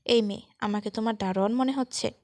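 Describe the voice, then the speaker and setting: A woman voicing a teasing young man, cocky, soft and calm, gravelly voice, dry close sound, storybook. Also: a little high, quick pace, dry recording, close to an everyday voice.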